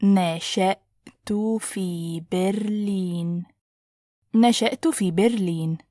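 A woman teaching pronunciation, saying phrases clearly and then breaking them word by word. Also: mid-range voice, warm tone, no room sound, clean studio sound. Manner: clear, deliberate, splits phrases into single words. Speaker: language teacher. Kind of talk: slow word-by-word pronunciation drill.

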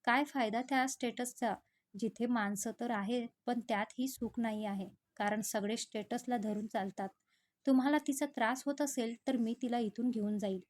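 A woman voicing a protective, quick-tempered young husband who talks in heated, drawn-out pleas. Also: a little high, fairly even intonation, a little mellow, close to an everyday voice. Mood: angry.

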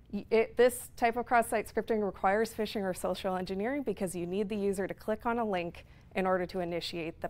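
A woman in her thirties gives a technical conference talk in a lecture room with a projector screen, explaining at length and using lots of fillers. Her voice is medium in pitch with a darkish tone.

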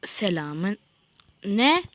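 Excitable woman doing game commentary. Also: mid-range voice, drawn-out words, slight background noise. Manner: excitable, scolds the game, slangy outbursts; chats with viewers, drifts into mutters and whispers. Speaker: gaming video creator. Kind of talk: mobile game let's play commentary.

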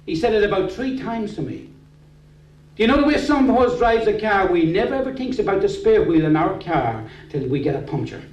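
A man's voice: high voice, very animated, fairly quick, darkish tone, dull audio, a little hiss or hum. Fervent Irish Traveller man preaching testimony. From Ireland. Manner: fervent, storytelling, nonstandard grammar. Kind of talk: gospel testimony sermon. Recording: echoey room, distant mic.

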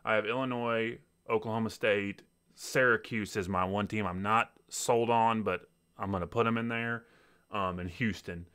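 A man's voice: fairly low pitch, steady tone, moderate pace, a bit bright, clean tone. A man co-hosting a casual sports podcast, laid-back with frequent fillers and easy laughs. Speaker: podcast co-host.

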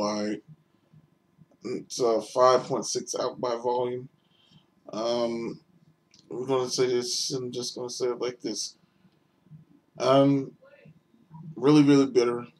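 A young man giving a casual, rambling beer review on video, hesitant and full of fillers. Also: medium pitch.

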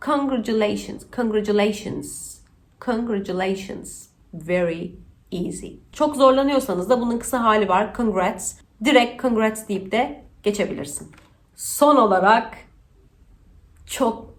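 A woman in her thirties from Turkey giving a casual, playful English pronunciation lesson, chatty and teasing with quick asides. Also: medium pitch, animated. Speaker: English teacher.

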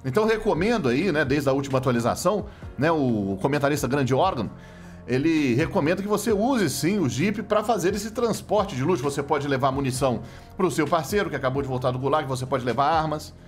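A man's voice: a little high, a little fast, faint music behind. A man with a Brazilian Portuguese accent giving joking, mock sportscaster commentary over video game footage. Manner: joking, playful, animated play-by-play. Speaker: gameplay commentator.

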